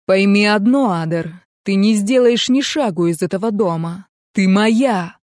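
A woman reading the part of a hot-tempered, stubborn male laird in an audiobook, speaking in a forceful, raised, commanding way. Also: medium pitch, measured pace, no room sound, studio quality, lightly acted. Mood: angry.

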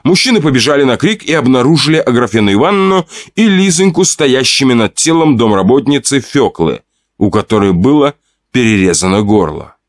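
A male narrator tells a gory horror tale in a lively voice that rises and falls. His delivery is vivid and dramatic. The sound is close and dry, with no room around it. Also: mid-range voice, brisk, dry recording. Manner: expressive, vivid storytelling.

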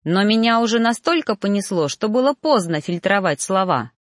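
A woman narrating a first-person audiobook in an expressive, lively way. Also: mid-range voice, moderate pace, dry recording, clean studio sound. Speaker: audiobook reader.

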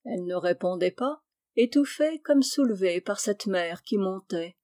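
Woman calmly reading a classic story. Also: mid-range voice, unhurried, dry recording, clean studio sound. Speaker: reader. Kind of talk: scripted narration of a classic story.

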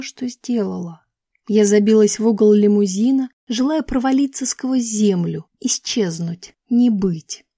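A woman's voice: medium pitch, dark tone, no room sound, studio quality. A woman reading a first-person novel aloud, dramatically and with emotion. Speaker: audiobook narrator.

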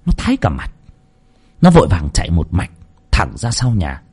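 A man's voice: sits low, huge pitch swings, moderate pace, a little mellow, breathy edge. A man narrating a ghost story with a dramatic, swooping delivery.

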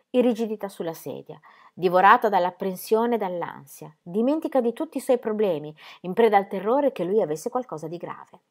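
Woman narrating a novel, low and expressive. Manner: measured, expressive storytelling. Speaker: audiobook reader. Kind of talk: literary audiobook narration.

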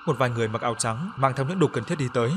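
A man narrating a story in the first person, with a somber, measured reading and acted dialogue. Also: medium pitch, over music.

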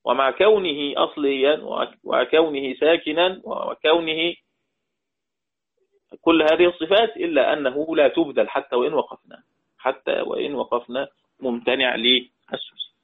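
Egyptian sheikh teaching recitation, tinny sound. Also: male voice, a little high, fairly even intonation. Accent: Egyptian Arabic. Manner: slow chanted verse quotes mixed with quick colloquial explanation, quizzing students. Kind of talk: classroom lesson on recitation rules. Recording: tinny phone-like audio.

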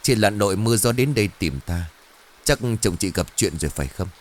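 A man voicing an old male exorcist master who speaks slowly in a low, solemn voice. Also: expressive, slight background noise, close to an everyday voice. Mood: grave.

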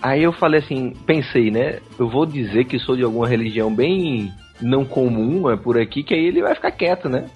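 A man's voice: medium pitch, a little fast, few pauses, highs cut off, soft background music. A man co-hosting a podcast, telling a comic story in a dry, self-mocking way. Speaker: podcast co-host.

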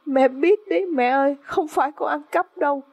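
A woman's voice: sits high, moderate pace, a little mellow, no echo, voice pushed up. A woman reading aloud, putting on a young son who pleads tearfully with his mother. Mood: earnest. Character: young man crying for his lost mother.

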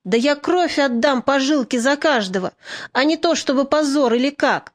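A woman reading an audiobook, voicing a young male partisan orderly who pleads with rough folk speech. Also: sits high, normal speed, close to an everyday voice. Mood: impassioned.

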